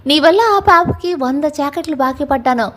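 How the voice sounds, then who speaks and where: Young woman, secret admirer, playful, teasing, high voice, read by a woman narrator. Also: normal speed, a bit bright. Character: young woman writing a secret love letter.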